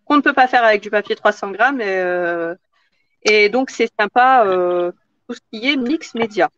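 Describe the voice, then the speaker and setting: A woman's voice: on the high side, fairly bright tone, no echo, muffled recording. A woman hosting a live craft tutorial in casual chat, answering viewer comments as she works.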